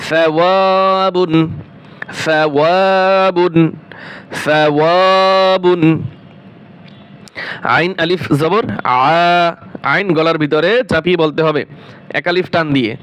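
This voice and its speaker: In this slow recitation lesson, a man with a bit bright, somewhat high voice at normal speed teaches the Quran letter by letter. He lengthens each syllable and says words several times over before explaining their meaning.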